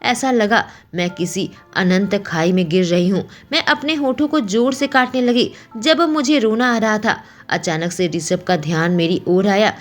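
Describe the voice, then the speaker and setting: A woman narrating a romance story in first person, emotional and expressive. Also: medium pitch, unhurried, few pauses, soft background music.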